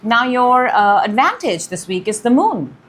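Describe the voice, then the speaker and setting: Excitable woman giving a tarot reading. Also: on the high side, measured pace. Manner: excitable, gushing, sways between loud bursts and quiet murmurs. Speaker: tarot reader, channel host. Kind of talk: casual tarot reading to camera. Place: room in her home.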